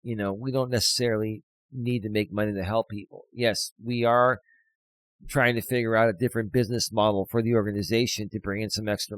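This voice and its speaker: A podcast co-host with a fairly low voice talks passionately in casual conversation, often restarting his words. He calls himself loud and projecting. The recording is rough, with no room sound.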